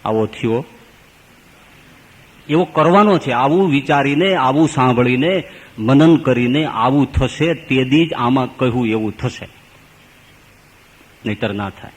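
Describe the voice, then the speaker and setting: Preacher telling a story in an echoing hall. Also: male voice, medium pitch, measured pace, pauses often. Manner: dramatic storyteller, swinging between loud and hushed. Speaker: swami preacher. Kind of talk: storytelling sermon. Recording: hall with long reverb.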